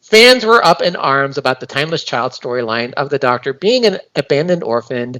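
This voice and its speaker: A man's voice: mid-range voice, sing-song, brisk, pushed and bright, rough recording. A man co-hosting a casual podcast review, talking in a hesitant way with many fillers and restarts, and reading listener comments aloud. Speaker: podcast co-host.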